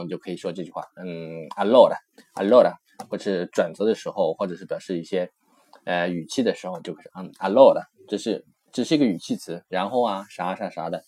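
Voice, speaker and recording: A man's voice: low voice, warm tone. A man teaching a language lesson. He explains patiently, repeats each phrase several times and compares words with English. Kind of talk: recorded textbook lesson explanation.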